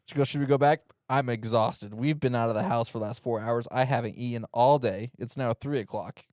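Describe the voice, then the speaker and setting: A young man co-hosting a casual chat, telling a lively story and mimicking other voices. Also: medium pitch, a little fast, no echo, clean studio sound. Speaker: podcast co-host.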